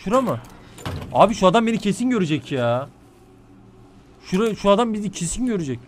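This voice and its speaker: A man's voice: high-pitched, big pitch swings, brisk, slight background noise. A young man streaming a horror game, talking frantically and swearing constantly at enemies. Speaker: gaming streamer. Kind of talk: let's play commentary. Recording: game music loud behind voice.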